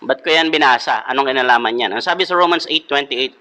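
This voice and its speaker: A man's voice: medium pitch, quick pace, pushed and bright. A man hosting a comedic devotional talk, playfully quizzing his listeners and switching into English. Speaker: devotional host.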